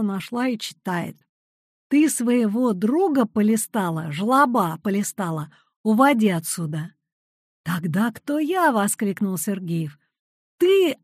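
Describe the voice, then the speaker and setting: A woman's voice: mid-range voice, warm tone, slightly rough, dry recording. Woman reading wry anecdotes, dry sound. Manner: wry storytelling with quoted dialogue. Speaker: author reading her own anecdotes. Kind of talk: literary reading.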